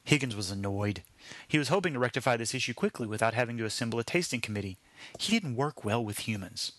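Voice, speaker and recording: A man reads his own short story aloud with a wry, deadpan delivery. His voice sits at a middle pitch, and the recording is dry and close. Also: quick pace, no room sound. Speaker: narrator.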